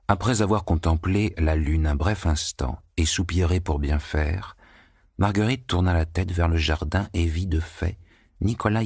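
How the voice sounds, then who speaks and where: A man narrating a novel as an audiobook, reading in measured, even phrases. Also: low voice, breathy edge, no echo, studio quality.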